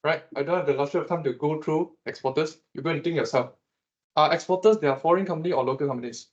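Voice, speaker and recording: A Malaysian man lecturing his class on economics, animated and teasing as he quizzes students. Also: fairly high pitch, quick pace, dull audio. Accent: Malaysian English.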